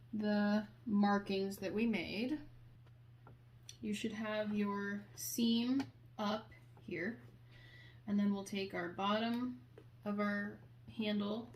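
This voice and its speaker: A woman instructor with a mid-pitched voice talks through a craft tutorial as she works. Her delivery is careful and unhurried, broken by pauses mid-sentence. There is some noise behind her. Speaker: sewing instructor. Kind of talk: hands-on craft tutorial, talking while working.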